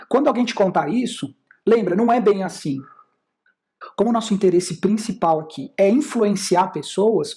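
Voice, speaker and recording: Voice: mid-range voice, mellow. Brazilian instructor explaining with rhetorical questions. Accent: Brazilian Portuguese. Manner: explanatory, asks and answers its own rhetorical questions. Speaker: communication and sales instructor. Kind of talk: lecture over slides.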